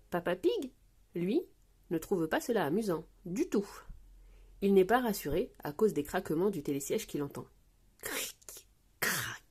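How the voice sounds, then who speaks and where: A woman reading children's storybooks aloud in a warm, sing-song way. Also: lowish voice, lively intonation, moderate pace, slightly rough.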